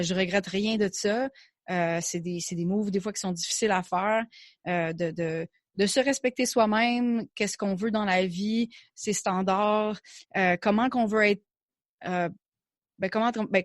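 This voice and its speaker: A woman's voice: mid-range voice, no room sound. Candid Québécois woman, dry close sound. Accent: Québécois French. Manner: candid, chatty, mixes in English words, many restarts. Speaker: podcast guest, entrepreneur. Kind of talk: casual interview chat.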